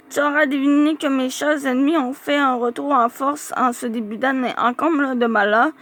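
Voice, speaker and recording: A woman reading a diary-style youth novel aloud, with lively, expressive storytelling and small slips. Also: high voice.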